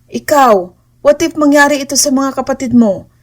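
A woman's voice: high-pitched, steady tone, normal speed, voice pushed up, lightly acted. A woman voicing a frightened but defiant young female captive who pleads and argues emphatically. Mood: indignant.

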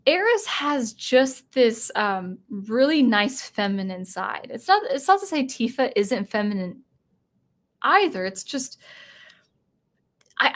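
A tired woman chatting casually on a live stream, reading chat and rambling through thoughts with many restarts. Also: a little high. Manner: rambling, self-interrupting, chuckling.

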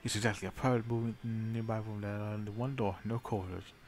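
A man's voice: on the low side, level tone, fast talker, darkish tone, slight background noise. A man narrating a strategy game in character with brooding, dramatic storytelling, rambling along and swearing casually. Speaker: game streamer.

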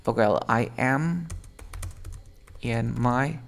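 A man's voice: medium pitch, very slow, gravelly. A man teaching English to a Spanish speaker, explaining words patiently and switching between Spanish and English. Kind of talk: bilingual English lesson.

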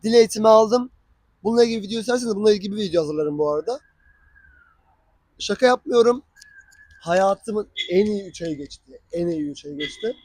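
A young man with a high voice tells his own story, casually chatting and acting out the dialogue. The recording is close and dry, with no room echo. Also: fairly quick, long pauses, breathy edge. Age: young adult. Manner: animated, acts out dialogue. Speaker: vlogger.

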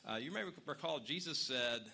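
Bright, forceful man giving church announcements. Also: a little high, expressive, fairly quick, vocal fry. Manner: chatty and rambling, joking with the congregation. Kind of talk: casual announcements to a congregation. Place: church service before a live congregation.

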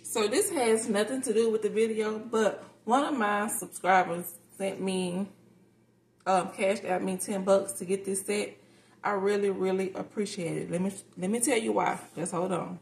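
An American home cooking vlogger with a medium-pitched, steady, gravelly voice chats casually and candidly with viewers at a moderate pace while cooking indoors in her home kitchen. The roomy kitchen adds noticeable background noise to the informal recording.

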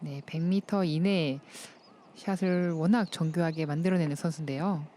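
A female golf commentator gives live analysis in a soft-edged, dark and mellow voice. Her pitch is on the low side, and she explains things politely. Faint outdoor noise runs behind her. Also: moderate pace.

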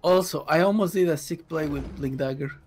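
A man's voice: on the high side, a little fast, a little mellow, slight background noise. A man chatting casually as a gaming co-commentator, in a slangy, joking way. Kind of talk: casual chat.

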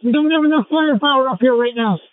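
A man's voice: very high-pitched, quick pace. A man, a firefighter, giving urgent radio reports from a fire scene over a two-way radio. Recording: tinny noisy two-way radio, clicks.

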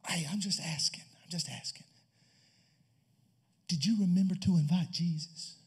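A pastor doing a shy woman guest in a whispered role-play, asking quietly and carefully. His voice stays very high for a man, hushed to a near breath. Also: normal speed, breathy edge, heavily acted. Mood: timid. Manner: soft, hesitant whisper. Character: timid older woman guest at a wedding.

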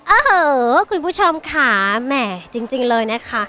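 A woman presenting live for TV from an exhibition, talking politely and upbeat to the viewers. Her voice is high and bright. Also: big pitch swings, normal speed, a little hiss or hum. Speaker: TV host. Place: exhibition hall.

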